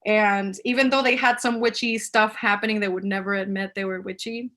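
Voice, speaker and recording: During a relaxed live Q&A on a video call, an author from Puerto Rico fields questions from her audience, often laughing and using Spanish words here and there. She talks briskly at medium pitch, with a steady, fairly bright tone.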